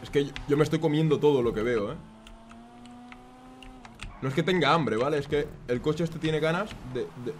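A young man giving excitable, self-mocking commentary while playing a racing game. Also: on the high side, moderate pace, pauses often, a little hiss or hum. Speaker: gaming YouTuber.

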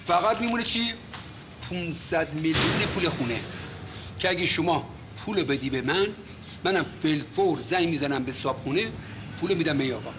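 Man playing a wheedling building manager, insistent, high-pitched, comedy series, noisy recording. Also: animated, lightly acted. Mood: coaxing. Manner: wheedling, insistent, calls others "dear". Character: pushy smooth-talking male building manager chasing money. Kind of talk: Persian TV comedy series acting.

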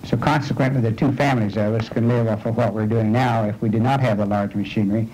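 A man from central Indiana, a farmer, answering interview questions in a plain, unhurried way in a living room. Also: lowish voice, fairly even intonation, darkish tone, a little hiss or hum, low-quality recording. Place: living room, seated on a sofa.

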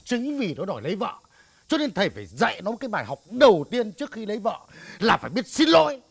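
A pompous old village master. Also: male voice, sits high, huge pitch swings, quick pace, creaky, breathy edge, full character voice. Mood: lecturing. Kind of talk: comic film acting.

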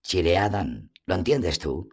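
A man reading a fantasy audiobook, voicing an anxious, excitable young male bard who asks agitated, pleading questions. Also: sits low, takes it slowly, heavily acted.

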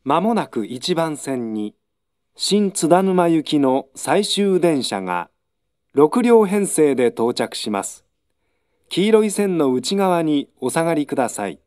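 A man giving a formal train station announcement in measured set phrases. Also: on the high side, very animated, a little mellow, no echo, clean studio sound. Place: station platform public address system.

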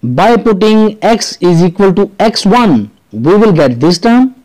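A man with a Pakistani accent narrating a scripted maths lesson as a teacher, explaining deliberately step by step. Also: sits high, expressive, a little mellow, rough recording. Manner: deliberate step-by-step explaining, switching between English and Urdu.

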